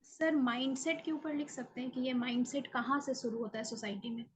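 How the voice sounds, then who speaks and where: Woman student, tentative, high voice, breathy. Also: steady tone, fairly quick.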